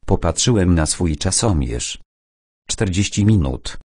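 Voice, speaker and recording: A man narrating a first-person adventure audiobook in a measured, steady way. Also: low voice, breathy edge, no room sound, clean studio sound.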